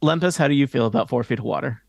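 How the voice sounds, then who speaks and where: A man running a tabletop game as game master, narrating scenes to players in halting, hesitant phrases with a creaky voice. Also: mid-range voice, no room sound.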